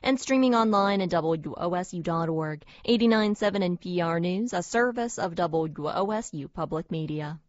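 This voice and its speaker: Woman, station announcer, tinny radio sound, lowish voice, dry dull broadcast audio. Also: normal speed, hardly any pauses, dry recording. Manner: steady, even read of station IDs and promos.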